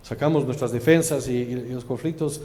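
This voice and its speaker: A man preaching to a congregation in a loud, slightly harsh voice, emphatic and full of rhetorical questions. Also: medium pitch, fairly quick. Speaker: church speaker, preacher. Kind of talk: preaching testimony. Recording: reverberant church hall.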